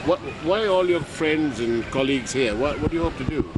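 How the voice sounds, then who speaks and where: Brief: higher-voiced male field reporter, chatty live delivery, loud street traffic behind. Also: lively intonation, brisk. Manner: conversational, frequent fillers. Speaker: news reporter. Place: city street outdoors. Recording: outdoor street with traffic noise.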